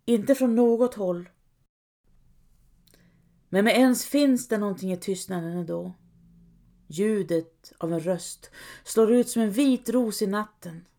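Woman narrating a dark folk tale. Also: medium pitch. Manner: measured, dramatic reading. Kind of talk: scripted storytelling narration.

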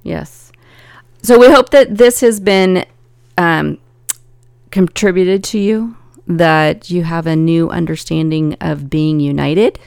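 A woman's voice: fairly low pitch, takes it slowly, vocal fry, a little mellow, clear, resonant tone, no room sound, studio quality. A woman co-hosting a casual podcast as a family coach, talking earnestly and reflectively, laughing easily.

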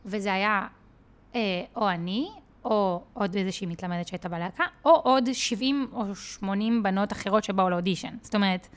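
A woman's voice: mid-range voice, clear, resonant tone. A woman guest on a podcast, telling a personal story in a chatty way with many fillers and restarts. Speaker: podcast guest, content creator.

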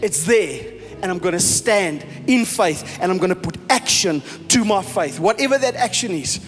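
A South African pastor preaching a sermon emphatically, sometimes mixing in Afrikaans phrases. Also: male voice, high voice, expressive, moderate pace. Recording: reverberant hall with soft music.

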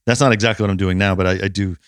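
A man's voice: deep voice, steady tone, rapid-fire, no room sound, studio quality. An American man hosting a podcast, chatting casually with a self-deprecating, easy laugh and some swearing. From United States. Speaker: podcast host.

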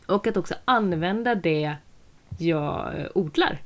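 A woman's voice: fairly low pitch, expressive. A woman chatting casually as a podcast co-host, thoughtful and a little hesitant. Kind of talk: casual chat.

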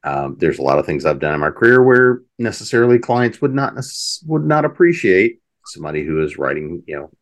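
A man's voice: sits low, sing-song, a little fast, hardly any pauses. A man hosting a podcast, talking casually and reflectively, often repeating words as he starts sentences. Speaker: podcast host.

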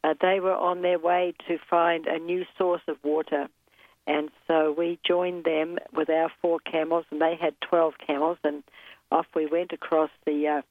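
A woman's voice: sits low, level tone, no echo. New woman on a tinny phone line. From New Zealand. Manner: measured, with frequent ums and uhs. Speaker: guest. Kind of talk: interview storytelling.

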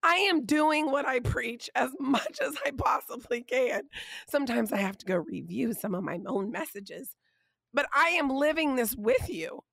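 A hoarse woman with a raspy, nearly lost voice that slips toward a whisper, hosting an emphatic, halting, heartfelt faith monologue. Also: high voice, lively intonation, fairly bright tone, no room sound. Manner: emphatic, halting, with repeated phrases and drawn-out pauses. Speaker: podcast host and preacher.

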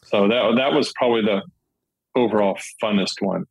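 A man's voice: fairly low pitch, moderate pace, creaky, breathy edge, dry recording, low-quality recording. A middle-aged man, a guest in a casual interview, telling stories about his real estate deals in a rambling way full of restarts and fillers.

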